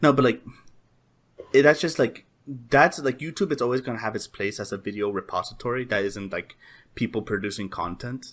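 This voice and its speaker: A man's voice: medium pitch, a little fast. A young man hosting a casual podcast chat, rambling with lots of "like" and "um". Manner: rambling, heavy use of "like" and "um". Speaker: podcast host.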